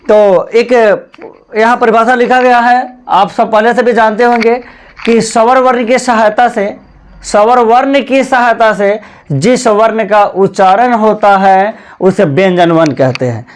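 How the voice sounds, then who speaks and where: A man with a fairly high voice teaches a grammar lesson at a board in a classroom. He keeps repeating the key points and asks the class questions that he answers himself. He often calls his viewers "brother". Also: unhurried, clear, resonant tone. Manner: addresses viewers as "bhai" (brother).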